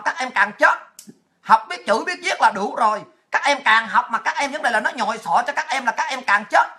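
A woman who talks fast. Her voice sits a bit high and has a bright, forceful edge. She delivers a crude, mocking monologue laced with profanity.

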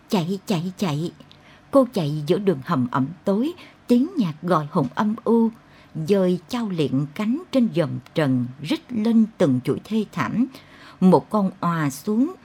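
A woman narrating a dark literary story in an intense, expressive way. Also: on the low side, slightly rough. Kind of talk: dramatic audiobook narration.

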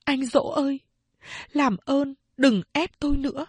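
A woman voicing a grieving old mother who laments and pleads in a high, tearful voice. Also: steady tone, measured pace, a little mellow, dry recording. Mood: tearful pleading.

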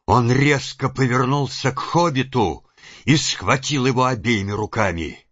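A man narrating an audiobook in a steady storytelling manner. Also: mid-range voice, unhurried, breathy edge, no echo, lo-fi sound. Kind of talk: scripted narration.

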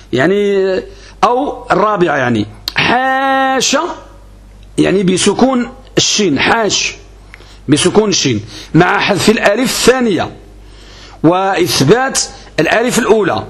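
A man gives a grammar lesson on a classical text. He is methodical, putting questions to his class and answering them himself. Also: high-pitched. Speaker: religious teacher.

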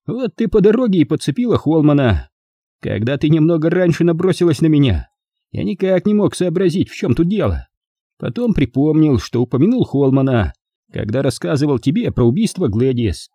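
Man doing a nasty sneering young thug, pitched up and drawling, husky, dry studio audiobook sound. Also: very animated, brisk, mellow, dry recording. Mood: mocking. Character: sneering, drunk-acting young man with a gun. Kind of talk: audiobook character voice.

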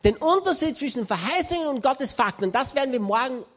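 A man's voice: very high-pitched, fast talker. A man preaching, telling a humorous anecdote with acted-out voices. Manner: storytelling, humorous, animated.

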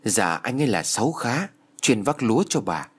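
A man's voice: mid-range voice, sing-song, slightly rough. Man doing an eager young servant girl. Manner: eager, quick.

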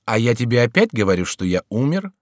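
A man's voice: mid-range voice, big pitch swings, brisk, a little mellow, no room sound, studio quality, lightly acted. A man voicing a sardonic male court jester who teases and scolds a king in an audiobook. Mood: mocking.

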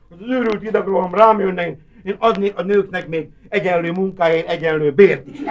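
A man's voice: high-pitched, muffled recording. A man performing a live cabaret monologue as a boastful, rambling male asylum inmate who keeps buttonholing his listener. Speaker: cabaret comedian. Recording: hissy old cassette of a live show with loud audience laughter.

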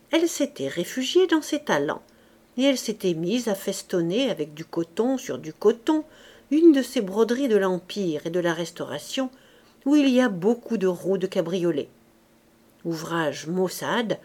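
A woman narrates a classic novel in a measured, expressive reading. Her voice sits at an ordinary pitch for a woman, steady through long sentences. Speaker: audiobook reader. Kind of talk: literary audiobook narration.

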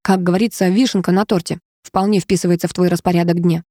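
A woman's voice: lowish voice, steady tone, dark tone, dry recording, clean studio sound, close to an everyday voice. Woman voicing a chatty teasing girlfriend. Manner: quick, mocking, gossipy.

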